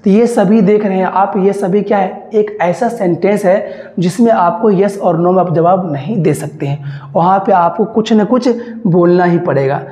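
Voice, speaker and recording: A man's voice: high voice, moderate pace, dark tone. Echoey man teaching a casual lesson. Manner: repeats phrases, asks the class rhetorical checks. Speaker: English teacher. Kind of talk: casual Hindi tutorial lesson. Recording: echoey, dull lo-fi room recording.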